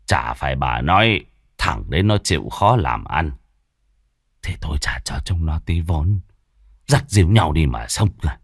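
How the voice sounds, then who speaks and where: Stern old patriarch, gruff, scolding, lively swings, a man putting him on, dry. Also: extremely low pitch, a little slow, no echo, voice pushed down, full character voice. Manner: gruff, scolding, shouting orders. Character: stern wealthy old village patriarch, hot-tempered.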